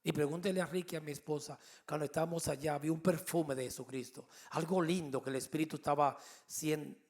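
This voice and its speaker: Pastor de mediana edad, voz algo aguda y rasposa, sermón narrado con humor. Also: male voice, a little high, a little fast. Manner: animated storytelling with humor. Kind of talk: sermon.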